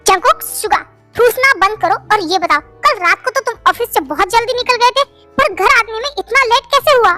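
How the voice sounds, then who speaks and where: A woman's voice: very high voice, expressive, a little fast, bright, forceful tone, soft background music, full character voice. A woman voicing a stern but kind middle-aged father who questions his children, in a Hindi fan-dub story. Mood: suspicious.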